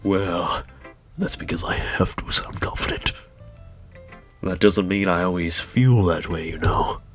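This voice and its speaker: A man voicing a sinister young female club president in a put-on evil villain voice, with a breathy whisper and slow, menacing phrasing. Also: low-pitched, faint music behind. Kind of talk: video game voice-over.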